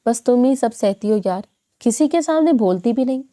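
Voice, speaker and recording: A woman's voice: on the high side, lively intonation, mellow, close to an everyday voice. A woman voicing an outspoken young bride who pleads with her mother in a reproachful tone. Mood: pleading.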